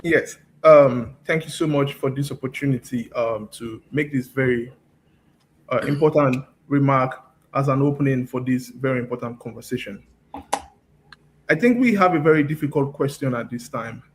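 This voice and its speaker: A man's voice: mid-range voice, normal speed, slight background noise. A man from Nigeria gives the opening remarks on a video call, speaking earnestly and posing rhetorical questions. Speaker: forum leader.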